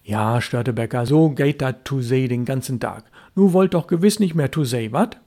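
A man voicing a worried fisherman father who speaks in a Low German dialect in blunt, short questions. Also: normal speed, dark tone, lightly acted. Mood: concerned.

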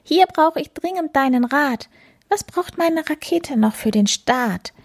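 A woman voicing a chatty, excited female cat in a children's story, breathy and high. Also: measured pace. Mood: eager.

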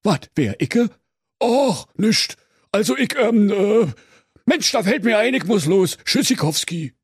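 A man plays a shifty church sexton in a comedic fairy tale, with a high, nasal-edged tone and a strong Berlin accent. He stammers and dodges cheekily, and the voice has a pinched, unnatural timbre recorded close and dry. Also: very animated, slow, breathy edge, no echo, exaggerated voice. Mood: shifty flustered.

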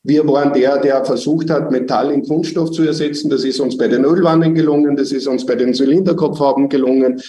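A man, a company executive giving measured, technical answers in a business interview. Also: mid-range voice, fairly even intonation, dark tone, roomy sound, recorded from a distance.

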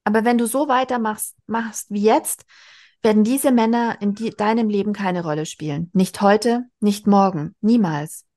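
A woman's voice: mid-range voice, normal speed, dark tone, lightly acted. A woman reading aloud as a worried middle-aged mother speaking earnestly and dryly to her daughter. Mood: pleading. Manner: earnest, dry.

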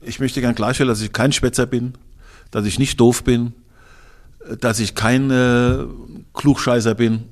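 A man's voice: medium pitch, steady tone, unhurried. A man in his sixties, a guest in a casual interview, talking in a blunt, colloquial and emphatic way with some crude slang. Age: 60s.

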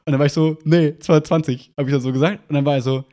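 Man telling an animated anecdote. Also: fairly high pitch, rapid-fire. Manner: animated anecdote telling, acting out quoted dialogue. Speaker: podcast host. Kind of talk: casual chat, storytelling.

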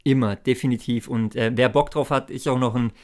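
A man's voice: mid-range voice, fairly even intonation, brisk. A man co-hosting a podcast, making a casual, hyped giveaway announcement in enthusiastic, slangy talk. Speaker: podcast co-host.

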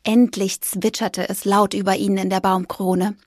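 A woman narrating a children's story in a calm, even storytelling manner. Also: medium pitch, normal speed, no room sound, studio quality.

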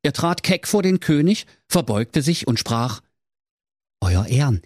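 A man narrating a comic bedtime story in a playful, animated way. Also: on the high side, unhurried, no echo, studio quality.

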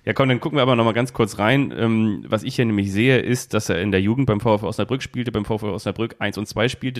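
Man posing football riddles in first person. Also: fairly low pitch. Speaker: podcast host. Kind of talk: casual football quiz chat. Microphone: phone held close to a device.

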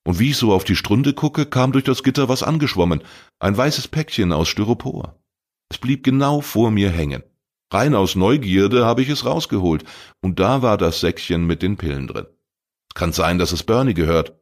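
A man's voice: fairly low pitch, lively intonation, moderate pace, pitched above the performer's own voice. A man reading a crime story voices a teenage boy who pleads and eagerly justifies himself. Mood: defensive. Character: teenage boy, defensive and talkative.

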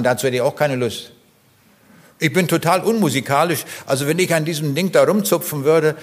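An older man preaching a sermon in an earnest, emphatic way, building long lists with pauses. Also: medium pitch.

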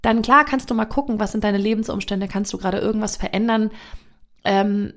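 A woman's voice: mid-range voice, fairly even intonation, fairly quick, fairly bright tone. A woman hosting her own podcast, talking in a frank, reflective self-help monologue with the odd casual swear. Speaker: podcast host.

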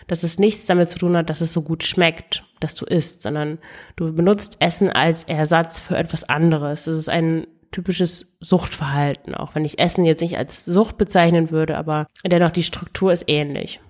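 Solo podcast host, woman, lowish voice, calm and explanatory, talks directly to the listener, restarts her phrases. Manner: frequent self-corrections and restarts. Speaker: podcast host and weight coach.

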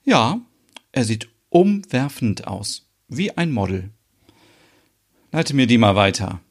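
A man's voice: medium pitch, sing-song, slow pace, full character voice. Man doing a flustered, stammering woman. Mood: excited. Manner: hesitant, stammering, easily embarrassed. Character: flustered middle-aged woman, naive about online dating. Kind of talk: podcast soap opera acting.

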